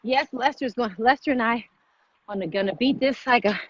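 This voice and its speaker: In muffled, noisy live-stream sound, a woman speaks at normal speed in a fairly high-pitched voice. She hosts a motivational vlog as a fitness motivator, speaking emphatically and stressing ideas by saying them again.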